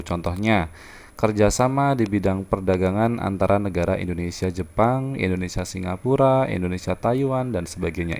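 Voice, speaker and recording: A man's voice: deep voice, darkish tone. A man teaching a social studies lesson, explaining terms patiently and repeating himself with fillers. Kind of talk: classroom lecture.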